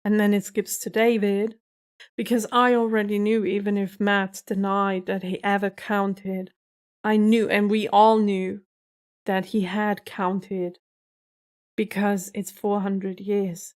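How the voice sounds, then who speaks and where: A young woman talks through a show she has just watched in loose, gushing fan commentary. She rambles and restarts her sentences as her enthusiasm runs ahead of her words. Her pitch sits in the ordinary middle for a woman. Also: flat delivery, slow pace, a little mellow. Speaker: reaction video host. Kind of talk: casual reaction commentary.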